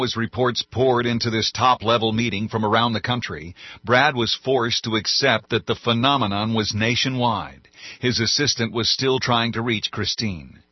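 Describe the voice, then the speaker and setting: A man narrating an audiobook in a measured, even reading. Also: mid-range voice, dry recording. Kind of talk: scripted narration. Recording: dull, dry studio sound.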